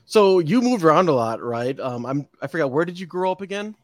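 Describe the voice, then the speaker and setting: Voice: medium pitch, very animated, fairly quick, no room sound. A podcast host introducing a guest and chatting casually, with many fillers. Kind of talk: interview podcast hosting.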